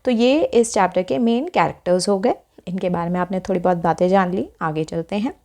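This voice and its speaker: A woman teacher explaining a textbook lesson, defining each term step by step and reading English lines slowly and deliberately. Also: lowish voice, mellow. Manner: explains terms step by step, checks with frequent "okay" asides.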